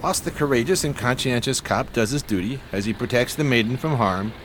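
An actor plays a grandiloquent, gentlemanly homeless con man in a 1920s New York radio play, using florid, over-polite phrases and a pompous theatrical manner. He sounds eager and scheming, with a natural, mid-range voice at a fairly quick pace. There's slight background noise.

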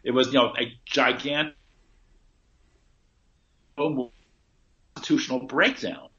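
A man speaking as a guest over a thin, metallic-sounding remote call connection, talking haltingly with lots of restarts and repeated fillers. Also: medium pitch, steady tone, bright, forceful tone. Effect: tinny, metallic-sounding call connection. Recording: tinny lo-fi remote call line.

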